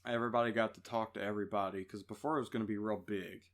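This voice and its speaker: Low-voiced joking podcast host. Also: male voice, steady tone, very fast. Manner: joking, laughs often, rambling with fillers. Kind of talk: casual chat.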